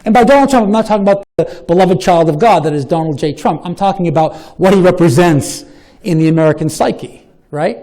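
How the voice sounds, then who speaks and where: Animated Boston-accented male lecturer. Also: high-pitched, a little fast. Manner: animated, long-winded, self-deprecating. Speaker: lecturer answering audience questions. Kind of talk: live public talk and Q&A. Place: lecture hall with an audience.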